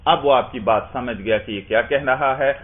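A man teaching a class, explaining step by step and asking his students questions that he then answers himself. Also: mid-range voice. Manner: explains with repeated questions and answers, often adds "bhai". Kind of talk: classroom lecture. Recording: tinny phone-like sound.

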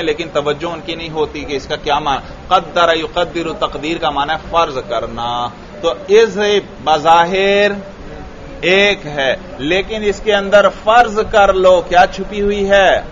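A man with a somewhat high voice teaching a grammar class. He keeps asking the students questions and repeats their answers back to them. The recording sounds dull and lo-fi. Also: a bit bright.

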